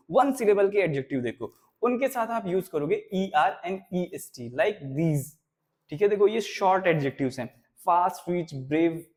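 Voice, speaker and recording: A young man with a fairly high voice teaches a school grammar lesson, explaining each point step by step and regularly checking in with his students.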